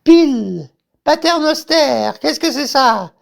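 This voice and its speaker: A woman playing the scheming, mocking wife of a buffoon tyrant in a stage farce, shrill and exclamatory. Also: animated, slow pace, vocal fry, exaggerated voice. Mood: mocking, curious. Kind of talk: theatrical farce acting.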